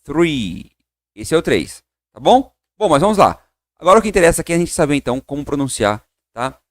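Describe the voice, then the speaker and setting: A Brazilian man teaching English online, upbeat and encouraging, drilling slow repetitions of words. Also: fairly high pitch, sing-song, dry recording, clean studio sound. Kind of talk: online English lesson for Portuguese speakers.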